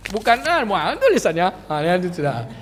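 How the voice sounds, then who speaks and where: High-voiced preacher in a hall. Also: male voice, wildly swooping pitch, moderate pace, a little hiss or hum. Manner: chatty, joking, addresses the women listeners directly. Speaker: religious teacher. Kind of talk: religious study lecture. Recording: reverberant hall, faint ambience.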